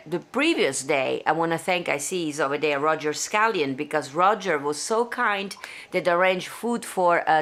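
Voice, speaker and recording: Chatty Italian-accented woman, low voice. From Italy (Venice). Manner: chatty and expressive, gestures a lot, reads viewer comments. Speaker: singer hosting her own live show. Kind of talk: casual live-stream chat to viewers. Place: living room at home with framed pictures.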